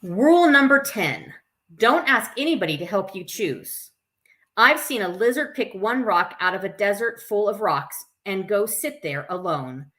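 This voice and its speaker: Unhurried and a bit bright, a woman's medium-pitched voice reads a picture book with lots of expression, sprinkling in informal asides to her listeners. She's the camp's story time host.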